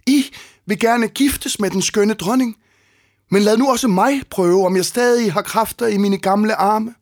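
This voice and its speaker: A frail old beggar, speaking in a high, thin voice. He is really a disguised hero king. He is told as a storybook figure. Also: dry recording, clean studio sound. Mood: pleading.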